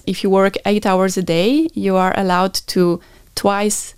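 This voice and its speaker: A woman's voice: mid-range voice, little pitch movement, a little slow, smooth, dry recording, clean studio sound. A native French-speaking woman with a French accent, explaining things earnestly as a guest in a conversational interview. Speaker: podcast guest, maternity consultant.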